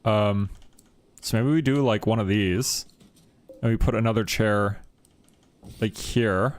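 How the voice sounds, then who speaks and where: A man chatting casually on a live stream while playing a game, rambling with lots of fillers and laughs, getting animated when he tells a story. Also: on the low side, slow.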